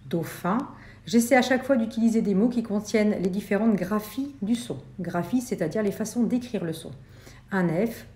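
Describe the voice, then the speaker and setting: Patient French woman teacher, mellow voice. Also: mid-range voice. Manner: patient, clear, spells sounds out slowly. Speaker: first-grade teacher. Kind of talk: explaining a lesson to parents.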